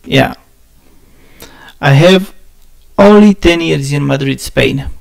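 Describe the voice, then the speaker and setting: A Romanian gaming streamer with a Romanian accent chats casually with viewers in a voice that's on the high side and creaky. He halts and searches for words, often laughing at himself.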